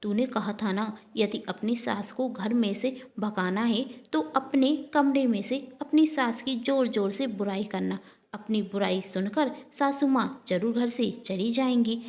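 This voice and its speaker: A woman's voice: a little high, unhurried, darkish tone. Woman doing a selfish complaining young daughter-in-law. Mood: gleeful. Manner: complaining, gossipy.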